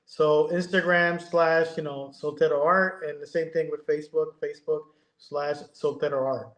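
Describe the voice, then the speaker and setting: A man in his fifties from Connecticut, a guest talking in a casual, halting way, with many ums and restarts. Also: on the high side, flat delivery, a bit bright, reverberant, rough recording. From Connecticut, USA. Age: 50s. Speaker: guest, airbrush artist. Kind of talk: casual interview chat.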